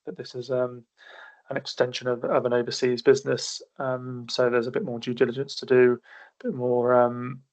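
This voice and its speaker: Losing his voice and coughing occasionally, a man working as an accountancy partner walks through a business webinar methodically with frequent small restarts. He speaks in a flat mid-range voice at a moderate pace.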